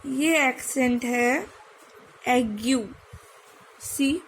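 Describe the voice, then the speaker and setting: A woman's voice: high-pitched, fairly even intonation, unhurried, slight background noise, low-quality recording. A woman teaching French number pronunciation, mixing Hindi with English and sounding out each word. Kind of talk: online language lesson.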